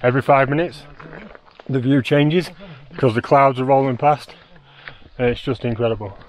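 A man's voice: medium pitch, steady tone, moderate pace, poor audio. Cheerful man vlogging outdoors on a hike. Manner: breathless, cheerful, upbeat commentary while hiking. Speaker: travel vlogger. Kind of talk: casual vlog narration to camera. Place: outdoors on a mountain trail. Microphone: action camera held at arm's length.

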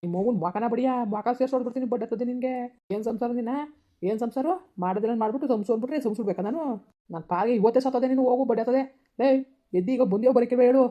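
A woman voicing an angry village father who shouts and curses at his daughter in a harsh, bitter way. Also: fairly high pitch, racing, natural voice. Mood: raging. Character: furious village father, harsh and cursing, man. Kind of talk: village family drama acting. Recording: dull lo-fi recording.

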